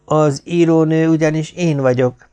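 A man's voice: fairly high pitch, steady tone, dark tone, clean tone, voice pushed up, close to an everyday voice. A man voicing the wife, a woman writer with a dry, understated manner.

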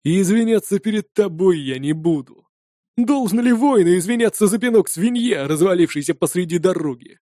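A man's voice: high voice, animated, normal speed, warm tone, no room sound, studio quality, pitched above the performer's own voice. A man voicing a defiant, insolent young male viking warrior who speaks with sneering scorn in an audiobook. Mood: scornful defiant.

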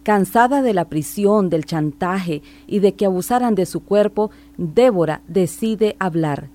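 A woman reporter reading a scripted news narration in a measured, formal way. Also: mid-range voice, expressive, dark tone.

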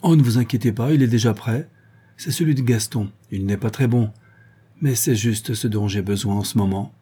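A man's voice: lowish voice, moderate pace, dark tone, husky. A man voicing a cold, tense male police inspector who gives curt, commanding orders in an audiobook.

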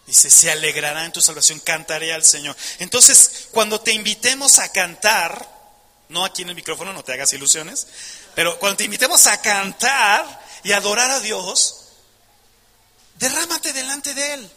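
A man delivers a fervent sermon in an emphatic preaching style, firing rhetorical questions at his listeners. His voice sits high and rings very bright and sharp. A long reverb trails behind his words. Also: lively intonation, moderate pace.

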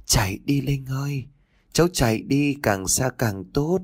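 A man's voice: medium pitch, unhurried, no room sound, studio quality, voice pushed up, close to an everyday voice. A man voicing the ghost of an old grandmother urgently warning her granddaughter to run far away.

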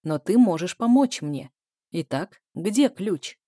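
A cold, cruel man with a scarred face speaks in a low, hissing, menacing voice, as a woman narrator puts him on. His tone stays mellow and dark, and the sound is close and dry, with no room around it. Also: animated, takes it slowly, no room sound. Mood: zealous threatening.

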